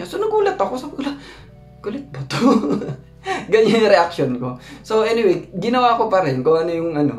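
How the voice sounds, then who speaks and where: A man from the Philippines telling a personal story in a casual vlog, often checking in with the viewer. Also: roomy sound. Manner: chatty, often asks "no?" to the viewer; rises high when acting out his own thoughts. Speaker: vlogger.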